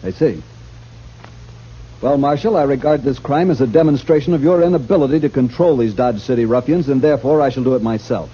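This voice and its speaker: A man's voice: mid-range voice, brisk, a little hiss or hum, natural voice. A man playing a stiff-necked army major in an old radio drama, speaking curtly and haughtily. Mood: stern. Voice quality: curt, haughty. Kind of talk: 1950s radio drama acting. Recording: muffled old radio broadcast.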